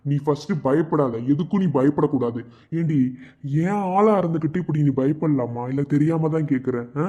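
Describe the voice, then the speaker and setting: A protective young college man in a cartoon love story, steady and earnest as he reassures the girl he loves, voiced by a man. His voice sits a little high but sounds dark and mellow, with a dull lo-fi quality. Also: fairly quick, natural voice. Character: male college student comforting his fiancée.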